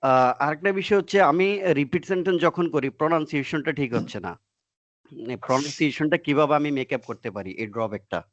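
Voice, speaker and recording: A man's voice: on the high side, brisk, no room sound, dull audio. Hesitant Bangladeshi man asking questions. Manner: deferential, hesitant with fillers and throat clearing. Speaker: student. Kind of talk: asking questions in an online class. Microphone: video call.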